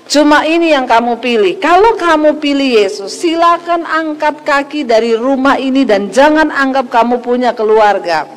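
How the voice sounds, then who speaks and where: A woman's voice: high voice, big-room sound. A woman pastor voicing her stern older father giving an ultimatum, in an insistent tone within her sermon.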